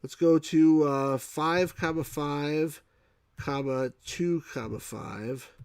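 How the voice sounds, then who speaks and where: Streaming a game, a reviewer from New York with a mild local accent chats casually while he plays, thinking out loud and responding to chat. His voice sits on the higher side, with a darkish, smooth tone, and he speaks slowly. The recording is clean studio sound with no room echo.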